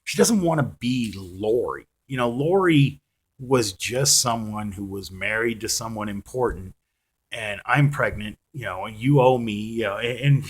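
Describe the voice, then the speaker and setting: A male vlogger with a husky, mid-range voice rants casually to camera about a TV episode. He rambles and puts himself down, restarting sentences and saying "you know" constantly.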